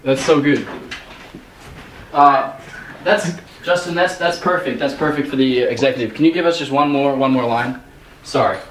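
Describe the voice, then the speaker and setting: A man's voice: medium pitch, normal speed, pauses often, reverberant, recorded from a distance, slight background noise, rough recording. Stammering man, put-on producer voice. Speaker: prankster posing as a TV producer. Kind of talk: prank phone call.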